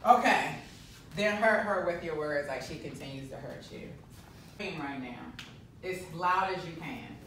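A woman coaching an acting class, animated and pushing her student hard. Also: low voice, a little slow, background noise. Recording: roomy distant room mic.

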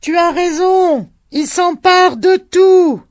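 A reader voicing a blunt male peasant who answers his old companion in loud, brusque replies. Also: very high voice, slow pace, no echo, studio quality, pitched above the performer's own voice.

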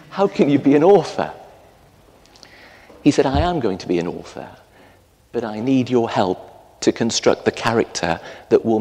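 A middle-aged Englishman preaches a sermon in a large stone church, telling stories with animated gestures. His voice sits at an ordinary male pitch. The sound rings with the long reverb of the church, picked up from a stand mic some distance away. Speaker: parish priest.

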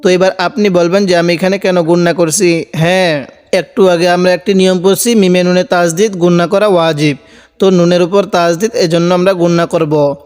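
A man with a high, smooth, resonant voice teaches Quran reading at a slow, deliberate pace. He spells each word letter by letter and draws out the recited syllables. A long reverb trails after his voice. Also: steady tone, a little mellow.

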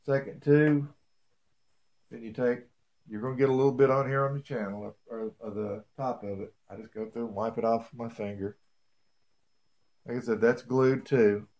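A man's voice: medium pitch, fairly even intonation, moderate pace, pauses often, a little mellow. A man demonstrating a woodworking job in his home workshop, talking in a plain-spoken, folksy way with rambling asides. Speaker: beekeeper showing a woodworking build. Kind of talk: casual how-to demonstration.

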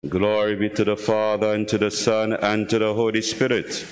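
A man leading a church service at a pulpit microphone, reading prayers and scripture in a measured, solemn way. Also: on the low side, completely flat delivery. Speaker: officiant leading worship. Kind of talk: liturgical reading. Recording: long church reverb with background hiss.

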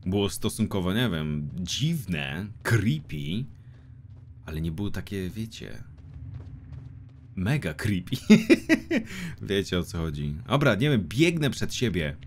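Excitable swearing young man gaming. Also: takes it slowly, pauses often, slight background noise. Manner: excitable, swears a lot, yells in panic, then drops to a low mutter. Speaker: gaming YouTuber. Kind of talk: let's play commentary. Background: game music.

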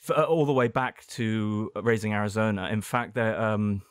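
A man with a low voice talks through a film in a loose, rambling podcast chat, sinking quieter whenever he goes off on a side thought. The sound is dry and close. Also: steady tone, normal speed, clean tone, dry recording. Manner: rambling, drops voice low on asides. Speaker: podcast co-host. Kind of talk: casual film discussion.

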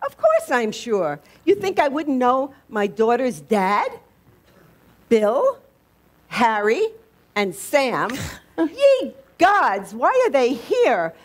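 A woman acting as a defensive, proud single mother who runs a bar, speaking slowly and emphatically in an amateur stage scene. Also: fairly high pitch, wildly swooping pitch, full character voice.

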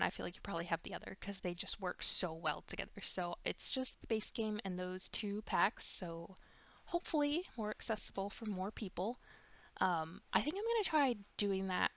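A woman's voice: mid-range voice, fairly bright tone, dry recording. Young woman w a stuffy nose, chatty rambly voiceover, lots of ums, slightly dull lo-fi mic. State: stuffed up with a cold. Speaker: gaming YouTuber. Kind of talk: casual voice-over commentary.

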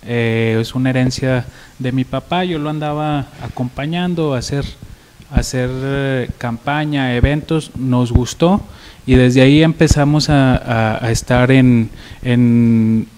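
A man in his thirties from Zacatecas with a Mexican accent, answering interview questions in an earnest, measured way. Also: medium pitch, darkish tone, clear, resonant tone. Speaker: interview guest, local politician. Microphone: handheld microphone.

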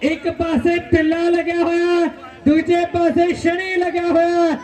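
A man gives excited live kabaddi commentary, repeating phrases and rousing the spectators. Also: very high-pitched, normal speed. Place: outdoor village kabaddi ground.

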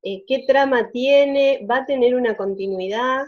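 A woman's voice: high-pitched, measured pace, dull audio. A woman hosting an interview, asking long, winding questions and nodding along with short "ujú"s. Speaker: interviewer, host. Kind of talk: conversational interview.

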